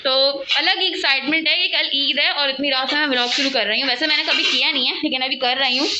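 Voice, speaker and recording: A woman vlogging casually at home, chatting and rambling to her viewers and talking loudly over household noise. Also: sits high, steady tone, fast. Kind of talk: casual home vlog chat. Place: at home, cooking and sweeping nearby.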